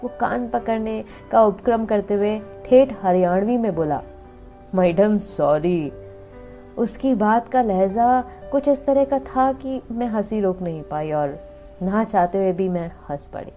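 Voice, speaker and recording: A woman narrating a first-person story in an expressive storytelling manner. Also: mid-range voice, a little slow. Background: faint background music.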